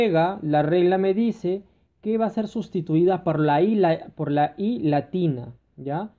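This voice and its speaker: A male teacher with a high voice explains grammar exercises patiently, pausing often to check that his students follow. The sound is thin and tinny, like a phone line. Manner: addresses students fondly, checks understanding with repeated "ya". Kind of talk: recorded grammar lesson.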